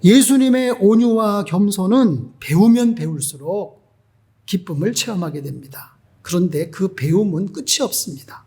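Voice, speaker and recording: A man's voice: sits high, normal speed, dark tone, husky. A male pastor preaching an emphatic sermon and putting rhetorical questions to the congregation.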